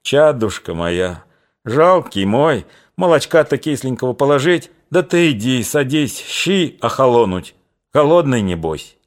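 A man voicing an elderly Cossack mother with a plaintive, drawn-out way of speaking. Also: mid-range voice, very animated. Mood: tender. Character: elderly Cossack mother, tender then stubborn.

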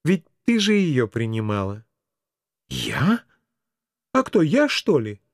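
A man's voice: wildly swooping pitch, slow, no echo, studio quality, heavily acted. A male reader voicing a pair of flustered young twin sisters who bicker and contradict each other in an audiobook. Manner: high, squabbling and defensive.

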